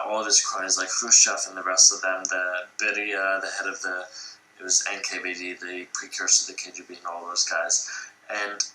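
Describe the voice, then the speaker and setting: A man's voice: sits low, bright, forceful tone, reverberant, low-quality recording. A drunk man rambling through a history story, swearing constantly and slurring. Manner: profane, slurring, rambling, acts out quotes. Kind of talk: tipsy rambling retelling of history.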